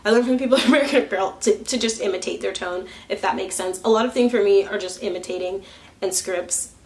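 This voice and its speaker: A woman's voice: mid-range voice, quick pace. A young woman talking candidly in a personal vlog, chatty and laughing often, acting out what other people say while she curls her hair. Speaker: vlogger.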